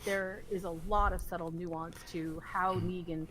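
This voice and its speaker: Animated woman analyzing a TV show. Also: lowish voice, measured pace, slight background noise, low-quality recording. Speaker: podcast co-host. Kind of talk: casual TV recap chat.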